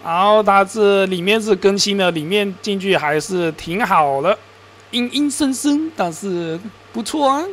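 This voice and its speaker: A high-pitched, unhurried man with a fairly bright tone voices over his computer screen recording of a casual game video, with slight background noise. The gaming and crypto-mining host rambles, often corrects himself, and sounds mildly exasperated.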